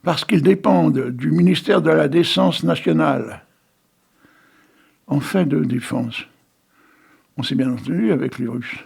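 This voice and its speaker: A man's voice: fairly high pitch, a little slow, pauses often, darkish tone. A man with a French accent hosting a local radio show, reading poems and corny jokes with folksy, chatty asides. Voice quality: gravelly, husky.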